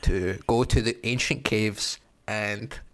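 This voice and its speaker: A man co-hosting a podcast, chatting casually with crude, deadpan jokes and frequent swearing. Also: on the low side, takes it slowly. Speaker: podcast co-host. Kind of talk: casual chat.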